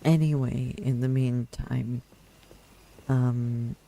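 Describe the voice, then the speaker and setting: A man's voice: mid-range voice, steady tone, slow pace, gravelly, mellow, slight background noise, poor audio. A man giving casual video game commentary, musing and hesitant as he thinks aloud and reads in-game text. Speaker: player narrating a video game.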